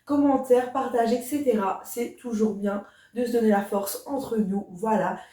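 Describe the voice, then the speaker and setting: Young female vlogger, enthusiastic, quiet delivery, higher voice, recorded far off in an echoey room. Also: a little slow. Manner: chatty, enthusiastic, addresses viewers directly; soft-spoken. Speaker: beauty vlogger. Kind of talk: casual get-ready-with-me vlog. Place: indoor room. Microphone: camera standing at a distance.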